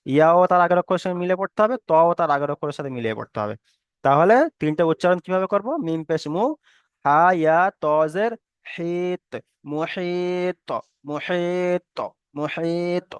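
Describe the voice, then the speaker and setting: Patient man teaching letters slowly. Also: a little high, clear, resonant tone, no room sound. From Bengal. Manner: patient, repeats each letter and word slowly; often checks in with listeners. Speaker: Quran reading teacher. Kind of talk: online class lesson.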